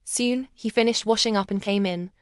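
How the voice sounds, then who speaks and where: A woman reading a first-person story aloud in an even, subdued way. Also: medium pitch, moderate pace, smooth, dry recording, studio quality. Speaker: narrator.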